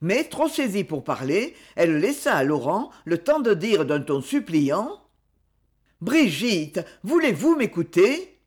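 A woman narrating a novel as an audiobook in a measured, expressive storytelling manner. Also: on the low side, husky. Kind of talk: scripted narration.

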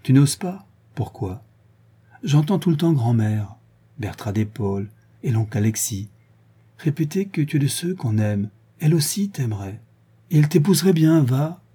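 Sly, playful young woman for an audiobook, read by a man, warm and husky, teasing throughout. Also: moderate pace. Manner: lively, teasing, higher voice.

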